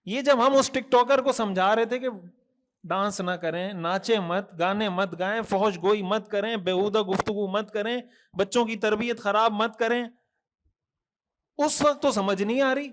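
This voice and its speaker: A man delivering a sermon in a very high voice. He admonishes earnestly, asks rhetorical questions and stacks repeated phrases. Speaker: mufti preacher. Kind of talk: Thursday night sermon.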